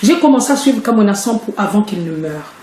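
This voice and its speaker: A woman's voice: medium pitch, lively intonation, brisk, warm tone, echoey room. A woman, chatting and explaining hesitantly on a live stream from home. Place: at home, indoors.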